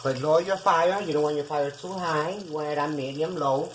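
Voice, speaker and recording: She's from Puerto Rico, speaks with a Puerto Rican accent and grew up with Spanish as her first language, and she hosts a casual kitchen cooking show, chatty and always calling to viewers as "guys." Her low-pitched voice moves briskly over a rough recording with slight hiss or hum.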